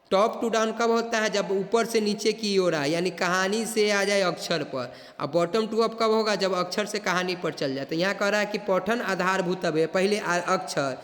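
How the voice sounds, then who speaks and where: A male exam prep teacher with a high voice, reading Sanskrit questions slowly and explaining them in brisk Hindi. He keeps reminding students to pay attention. The room is echoey, with a long reverb tail. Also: fairly bright tone. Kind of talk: exam coaching lecture.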